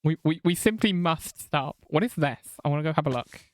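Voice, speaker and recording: With an accent combining southern and northern English, this woman from England streams a game, chatting casually, swearing now and then and reading chat aloud. Her low voice is animated and a little fast, in a dry recording.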